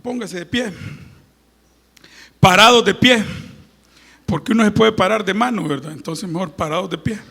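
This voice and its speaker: A male preacher giving a joking Sunday sermon and reading scripture, swinging from loud proclamations to hushed asides. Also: high voice, brisk, gravelly, husky. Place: church sanctuary. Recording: long church-hall reverb.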